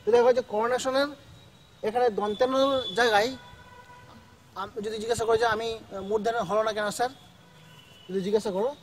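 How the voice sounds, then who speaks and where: A man's voice: very high-pitched, fairly even intonation, fairly quick, long pauses, a little hiss or hum. A male school teacher, teaching a grammar lesson step by step and often checking in with his students. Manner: explains step by step, checks in with "ঠিক আছে?".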